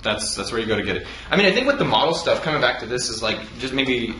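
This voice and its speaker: A man hosts a casual startup-advice chat in a bright, forceful, medium-pitched voice that swings widely in pitch. He rattles along loosely, swearing freely and laughing often. The recording has room echo and faint noise.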